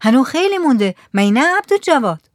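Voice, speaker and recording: A woman's voice: high-pitched, big pitch swings, dry recording, studio quality, voice pushed up. A woman voicing a hungry, eager poor village man in a storybook reading.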